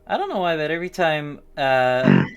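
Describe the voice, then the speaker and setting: A live stream host chats in an easy, casual way, musing out loud and circling back over thoughts with frequent restarts. The voice sits at a middle pitch, with faint music playing behind it. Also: wildly swooping pitch, moderate pace, vocal fry, muffled recording. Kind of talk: casual chat.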